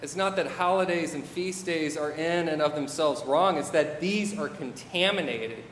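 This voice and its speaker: Man, preacher, fairly high voice, wry asides, echoey church hall. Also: normal speed, a bit bright, a little hiss or hum. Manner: paraphrases scripture with wry modern asides. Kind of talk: sermon. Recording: echoey hall with long reverb, faint ambience.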